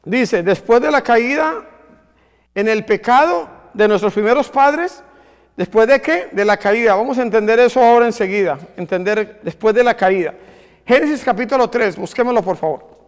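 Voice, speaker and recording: A man's voice: very high-pitched, expressive, normal speed. A man preaching a sermon, asking the congregation questions and answering them himself. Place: church hall. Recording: long reverb of a church hall.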